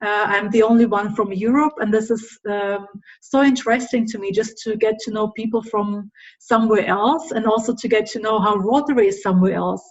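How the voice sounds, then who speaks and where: A woman's voice: mid-range voice, steady tone, fairly quick, lo-fi sound. A woman, a guest speaker in an online club meeting, who talks with many hesitant "um" fillers. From Germany.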